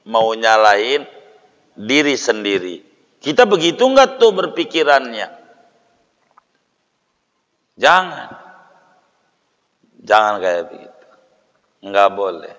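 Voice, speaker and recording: A man's voice: on the low side, very animated, slow pace, pauses often, fairly bright tone. A man giving an informal religious lecture. He speaks plainly and acts out quoted people in a raised voice. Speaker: preacher. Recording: long hall reverb.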